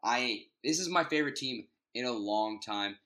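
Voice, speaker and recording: A man's voice: mid-range voice, animated, normal speed, pushed and bright. A man co-hosting a casual sports podcast, joking around and sometimes hunting for words. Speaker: podcast co-host.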